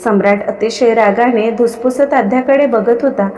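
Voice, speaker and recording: A woman storyteller giving a steady, dramatic scripted narration of a story. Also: fairly high pitch, moderate pace. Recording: long reverb.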